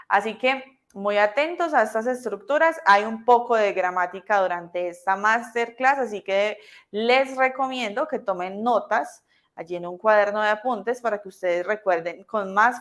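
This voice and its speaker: A young woman teaching an online class, explaining things patiently and mixing English and Spanish. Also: medium pitch.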